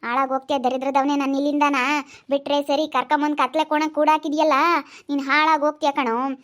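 A woman's voice: high voice, flat delivery, fast talker, natural voice. A woman with a Chitradurga Kannada accent playing a defiant kidnapped young wife who curses and screams for help. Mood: defiant cursing. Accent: Kannada, Chitradurga region. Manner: screaming, cursing, pleading for help. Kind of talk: amateur village drama.

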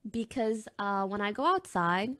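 A woman delivering a comedic skit monologue in a dreamy, drawn-out, fawning way. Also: medium pitch, expressive, heavy background noise.

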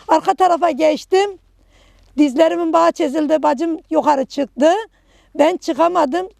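A middle-aged woman giving a personal testimony in short, halting phrases. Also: high-pitched, creaky, darkish tone, no echo. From Kahramanmaraş, Turkey. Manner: halting, tells events in short broken phrases. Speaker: earthquake survivor interviewee.

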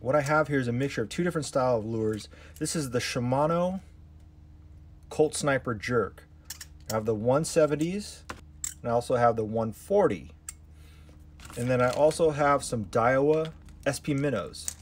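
A man's voice: medium pitch, expressive, moderate pace, slight background noise. A middle-aged man hosting a casual fishing vlog, walking viewers through his lures, hooks and split rings and calling them guys. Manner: explanatory, hands-on, addresses viewers as guys. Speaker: fishing channel host. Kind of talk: casual tackle-prep vlog narration.

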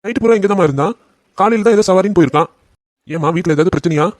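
A man doing a gentle cartoon auto driver. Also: high voice, very fast, no room sound, studio quality, lightly acted. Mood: soothing. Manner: soothing, respectful. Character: kind young auto-driver friend, calm. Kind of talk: animated cartoon family drama.

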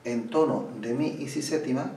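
A man teaching flamenco guitar, explaining slowly and pausing as he plays, sometimes restarting a phrase. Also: medium pitch, warm tone, slight background noise. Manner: unhurried, pauses while playing, restarts phrases. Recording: roomy room, mic at a distance. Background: guitar playing.

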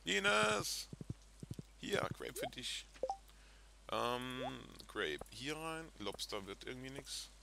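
Excitable man doing gameplay commentary. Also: mid-range voice, slow pace, creaky, long pauses, noisy background. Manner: chatty, excitable, talks to viewers. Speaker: let's play host. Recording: game music in background.

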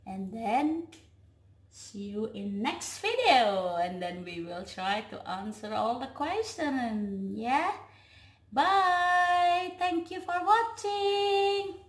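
Eine junge Frau aus Indonesien mit indonesischem Akzent, die als Familien-Vloggerin fröhlich und singend mit ihrem Kleinkind in die Handykamera plaudert. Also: female voice, high-pitched, expressive, very slow. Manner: cheerful sing-song baby talk with her toddler. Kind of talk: casual chat to camera. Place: living room, on a sofa. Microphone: phone camera at arm's length. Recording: echoey living room.

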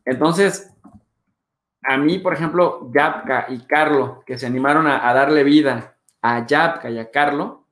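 A Mexican man with a Mexican accent hosting his show, talking in a chatty, animated way with playful swearing. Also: on the high side, measured pace, roomy sound. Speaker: host. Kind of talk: animated casual monologue.

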